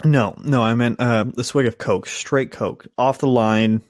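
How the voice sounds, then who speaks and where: A man's voice: mid-range voice, steady tone, unhurried, no echo. A young man co-hosting a podcast in casual chat, teasing and playful. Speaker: podcast co-host.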